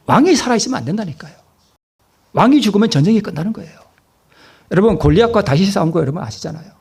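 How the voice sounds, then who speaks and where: A man's voice: sits high, a little mellow, slightly rough. A male pastor preaching a sermon, asking the congregation questions and answering them himself, and repeating key phrases for emphasis.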